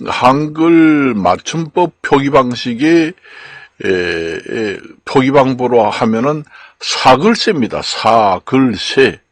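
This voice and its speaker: An older man from Gangwon Province giving an unscripted lecture as a channel host, slow and halting with many fillers and repeated words. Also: mid-range voice, no room sound. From Gangwon Province, Korea. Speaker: channel host explaining law and Chinese characters.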